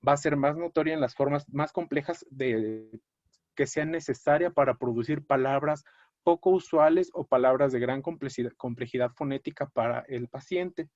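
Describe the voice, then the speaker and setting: A man lecturing on a clinical topic in a measured, explanatory way, often pausing on fillers and correcting himself mid-word. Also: mid-range voice, a little mellow, no room sound. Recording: dry, dull lo-fi audio.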